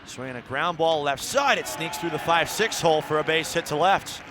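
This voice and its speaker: A man with a slightly high voice calls live baseball play-by-play on the radio at a moderate pace, blending clipped descriptive calls with longer stretches of analysis. It's an outdoor ballpark broadcast, with steady ballpark noise in the background throughout.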